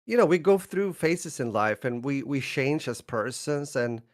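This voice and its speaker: Brief: middle-aged man, Swedish accent, podcast co-host, casual and halting, mid-pitched. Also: expressive. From northern Sweden. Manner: halting, many restarts and soft laughs. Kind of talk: casual chat.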